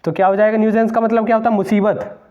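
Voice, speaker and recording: A man's voice: high voice, flat delivery, very fast, darkish tone, muffled recording. A man teaching English grammar for competitive exams, emphatic, repeating words and spelling them out letter by letter. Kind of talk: exam-prep grammar lesson.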